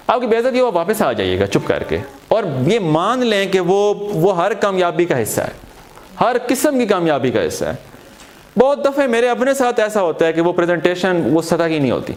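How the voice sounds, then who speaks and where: A man giving an earnest, encouraging training lecture to a group of teachers, speaking directly to his listeners. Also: sits high.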